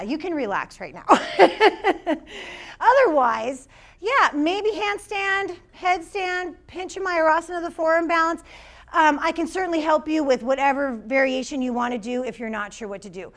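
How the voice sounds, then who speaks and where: A woman's voice: sits high, fairly bright tone. A woman teaching a live yoga class, upbeat and encouraging, calling out students by name as she cues the poses.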